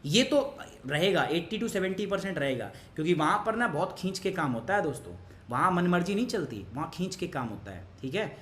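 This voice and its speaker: A man's voice: sits high, very animated, a little fast, a bit bright, reverberant, a little hiss or hum. A young man teaching an online exam-prep class, chatty and pushy, mixing Hindi with English and asking the class questions as he goes. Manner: pushy, motivational asides to students.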